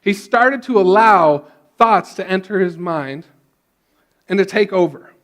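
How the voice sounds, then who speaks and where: A male pastor retelling a story in a casual sermon, with frequent restarts and a relaxed way of talking. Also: high-pitched, unhurried.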